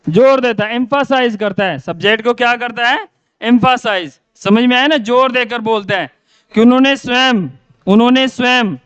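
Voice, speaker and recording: A man's voice: very high-pitched, fairly bright tone, clean tone, no echo, lo-fi sound. A male teacher giving a grammar lesson, repeating his own questions and answering them.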